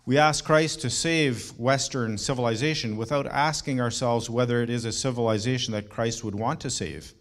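A man's voice: mid-range voice, fairly even intonation, normal speed, few pauses. Earnest middle-aged male pastor preaching. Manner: earnest, emphatic preaching with rhetorical questions. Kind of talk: sermon.

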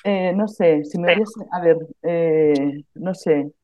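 A woman's voice: on the low side, takes it slowly, mellow. A woman guest searching for words, unsure, in a casual chat.

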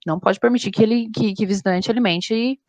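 Young woman, zookeeper, casual chat, animated storytelling, dry close sound. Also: medium pitch, quick pace, dry recording, muffled recording.

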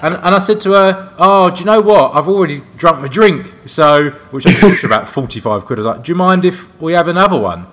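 A man from Liverpool, a podcast co-host, telling a story in casual chat, animated and laughing, jumping into high voices to quote people. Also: fast, hardly any pauses.

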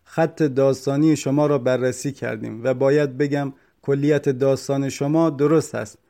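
A man's voice: medium pitch, mellow, close to an everyday voice. A man voicing a stern, mocking police officer during an interrogation. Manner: cold, mocking.

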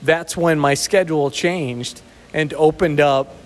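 This podcast co-host speaks in a fairly high, fairly even voice and takes his time, with slight background noise. He's in a sheltered outdoor spot where a big, echoey reverb surrounds him. His casual chat is easygoing and teasing, and he chuckles often.

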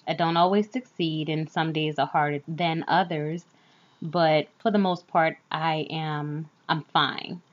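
A woman's voice: low voice, fairly even intonation, measured pace, dull audio. A woman hosting a podcast solo, chatting in an informal, candid way. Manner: informal, candid, uses y'all. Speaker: podcast host. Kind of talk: casual solo podcast chat. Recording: slightly off, recorded on wrong mic.

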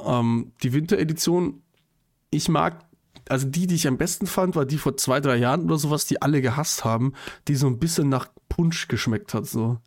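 Young male co-host, loose and rambling, slang-heavy, quick to laugh. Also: on the high side. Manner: rambling, self-correcting, laughs often, youth slang. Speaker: podcast co-host. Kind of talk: casual chat.

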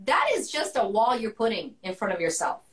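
A woman's voice: mid-range voice, very animated, fairly quick, a bit bright, roomy sound, a little hiss or hum. A woman guesting on a livestream, talking energetically and hyping up the audience. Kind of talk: casual livestream chat.

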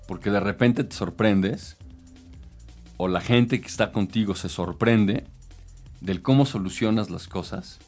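A man's voice: on the low side, a little mellow. A man, a consultant, explaining business ideas in casual chat, with many hesitations and fillers.

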